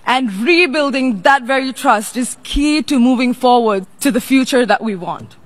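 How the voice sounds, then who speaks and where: A young woman from Nepal, a youth representative, delivering a formal prepared speech in a measured, deliberate way. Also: on the high side, lively intonation.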